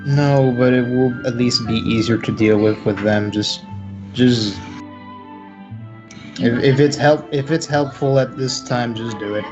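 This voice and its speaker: A man's voice: mid-range voice, a little slow, highs cut off, over music. A man playing a tabletop game, switching between narrating his character and speaking as him, with casual swearing. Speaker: tabletop player.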